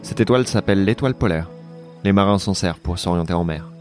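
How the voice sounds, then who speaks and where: A tender, grave middle-aged father in an audio drama, voiced by a man. His voice sits very low and deep and stays hushed, with a faint music bed underneath. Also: fast talker, close to an everyday voice. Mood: solemn.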